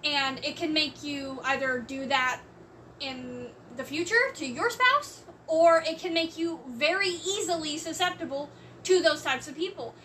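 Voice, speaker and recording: A woman in casual conversation, explaining her views slowly and at length. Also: sits high, sharp tone, distant mic, slight background noise. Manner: slow, measured, explains at length. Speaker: co-host discussing a court case. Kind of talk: casual chat.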